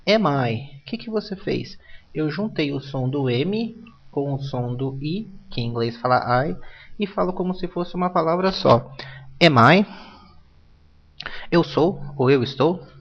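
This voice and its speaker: A man from Brazil teaching an English grammar lesson, explaining patiently and modeling English phrases aloud. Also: medium pitch. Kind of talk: recorded classroom lesson. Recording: dull lo-fi recording.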